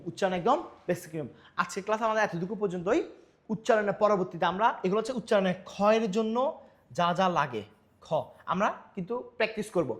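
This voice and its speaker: A male teacher giving a grammar lesson, asking questions and answering them himself, coughing now and then. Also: high-pitched.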